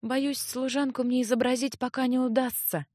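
A woman's voice: high-pitched, flat delivery, normal speed, a little mellow, no echo, clean studio sound, voice pushed up. A woman voicing a timid young noblewoman in an audiobook, speaking in a hesitant, subdued way.

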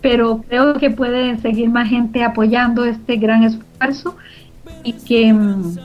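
Slow and fairly even in intonation, her fairly high voice carries a Costa Rican Spanish accent. The middle-aged woman, who co-founded a community radio organization, responds to interview questions in an earnest, emphatic manner, often repeating phrases. Background music accompanies the muffled, lo-fi recording.

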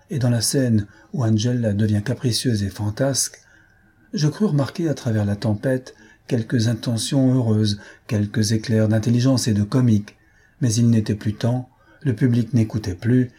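A man reading a literary story aloud in a measured way, phrase by phrase. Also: mid-range voice, mellow, breathy edge. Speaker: narrator.

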